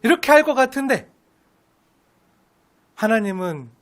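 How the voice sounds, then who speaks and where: A woman's voice: high voice, animated, moderate pace, a bit bright. A woman pastor preaching an expository sermon, asking the congregation questions and answering them herself, with emphatic stress on key words.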